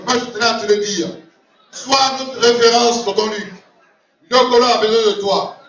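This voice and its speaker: An extremely high-pitched, fairly bright male voice with fairly even intonation delivers a jovial, laughing sponsor's speech at a moderate pace. He repeats himself often at a community gala, captured in a roomy, distant, lo-fi recording of a large event hall full of guests.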